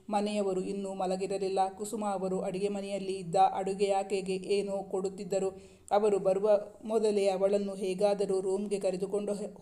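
A man narrates a romance novel from a script in a high voice. His delivery stays very flat, with almost no rise or fall. The tone is dark and mellow, steady throughout. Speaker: storyteller.

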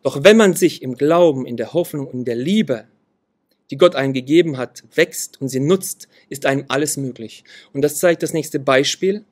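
A man's voice: medium pitch, moderate pace, darkish tone. A man preaching a sermon, reading Bible verses aloud and repeating key phrases with earnest emphasis.

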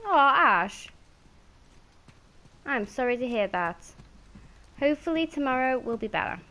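A woman chats casually while she streams a video game. She greets viewers by name and laughs easily. Her voice sits a little high and moves around a lot in pitch. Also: lively intonation, measured pace, pushed and bright.

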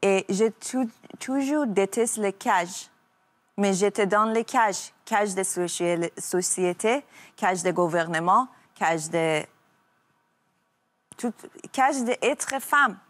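A young woman from Iran, a talk show guest speaking halting French and searching for her words. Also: medium pitch.

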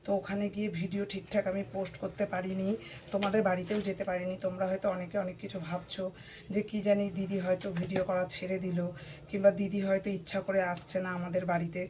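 A hoarse woman chatting casually to her viewers at home while cutting vegetables. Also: medium pitch, flat delivery, quick pace, darkish tone, slight background noise. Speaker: vlogger. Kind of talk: casual vlog chat to viewers.

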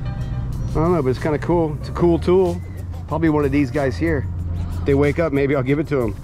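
Upbeat guy filming himself on the docks, loud and hyped, music bed underneath. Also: fairly high pitch, fairly even intonation, fairly quick. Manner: hyped, shouts catchphrases like "baby". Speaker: magnet fishing vlogger. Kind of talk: excited outdoor vlog narration. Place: outdoor waterfront docks and park.

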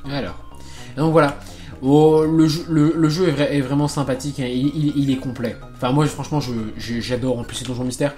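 A gaming channel host gives casual let's play commentary on a video game, rambling with plenty of fillers, restarts and swearing. His voice is medium-pitched, steady and warm, and he talks fairly quickly over faint background music.

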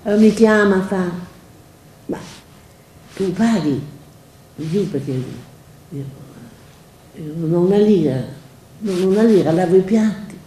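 A woman's voice: mid-range voice, animated, moderate pace, warm tone. An older woman, a guest speaker, telling anecdotes at a public event and quoting others in dialogue. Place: library event hall. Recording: echoey hall, faint noise.

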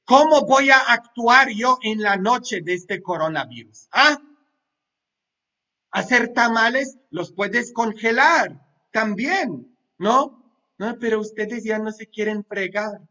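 A male pastor preaching a Sunday homily in a lively, joking, conversational way, full of asides and quick questions to his congregation. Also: high voice, highs cut off. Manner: half-sings song lines loudly. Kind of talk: sermon.

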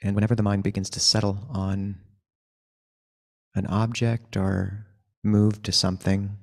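Gentle, unhurried guidance with long pauses comes from a man leading a meditation as its teacher. He has a fairly low, gravelly voice that stays level in tone.

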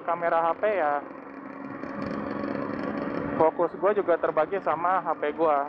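A man's voice: fairly high pitch, steady tone, measured pace. A young man chatting casually while riding a motorcycle through city traffic, slangy and laughing often, through a wired mic inside his helmet. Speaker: motovlogger. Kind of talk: casual motovlog chat. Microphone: wired earphone mic from phone into helmet. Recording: tinny phone-like mic with loud traffic noise. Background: traffic and engine noise.

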